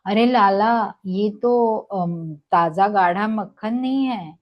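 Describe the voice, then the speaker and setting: A woman voicing a kind village milkmaid who coaxes a crying toddler with gentle questions, in a devotional storybook telling. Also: mid-range voice, slow, lo-fi sound, close to an everyday voice. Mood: soothing. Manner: sweet coaxing questions.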